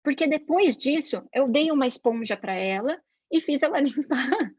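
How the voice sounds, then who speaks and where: A woman's voice: high voice, animated, normal speed, darkish tone, no room sound, muffled recording. A woman with a Brazilian Portuguese accent, an educator giving an informal talk about raising children, who chats freely and acts out the voices she quotes. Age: adult parent. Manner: chatty, acts out quoted voices, frequent "né?" tags. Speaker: Montessori educator.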